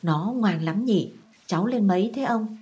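A woman's voice: mid-range voice, expressive, moderate pace, warm tone, breathy edge. A woman voicing a proud, scheming old lady. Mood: probing. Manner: formal, probing, feigned friendliness. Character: elderly mandarin's widow, proud, scheming mother.

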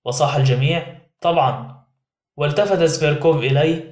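A man's voice: a little high, fairly even intonation, fast talker, a little mellow. A man narrating a novel in the first person as an audiobook, in a dramatic reading style. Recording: roomy echo.

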